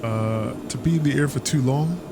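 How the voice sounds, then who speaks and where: Casual male flight sim streamer, mid-pitched, rambling commentary, engine rumble behind. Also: moderate pace, gravelly. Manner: chatty, stumbling with fillers.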